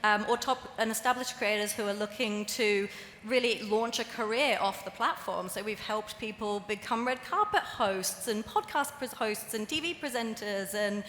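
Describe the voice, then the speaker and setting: A woman's voice: mid-range voice, moderate pace, fairly bright tone, a little hiss or hum. A woman executive who heads a creator team, speaking on a live panel. She talks in a polished, corporate way. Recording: roomy hall with faint ambience.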